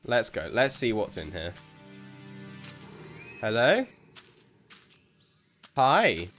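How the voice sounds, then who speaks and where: A man's voice: medium pitch, wildly swooping pitch, extremely slow, a bit bright, soft background music. A young man giving let's-play commentary on a horror game, jumpy and exclaiming, often laughing. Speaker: gaming youtuber.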